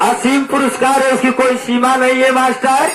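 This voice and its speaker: A man's voice: very high-pitched, monotone, normal speed. An actor playing a boastful village helper with a Bhojpuri accent, declaiming his lines. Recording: echoey stage recording with loud music.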